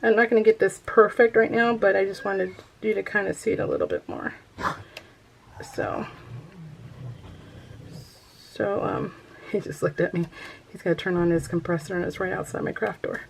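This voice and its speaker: An American woman craft vlogger chats casually with viewers while showing a project, her mid-range voice animated, creaky and slightly rough at a moderate pace. She's informal and giggly, rambling with self-deprecating asides and unfinished sentences, pausing often, on a rough recording.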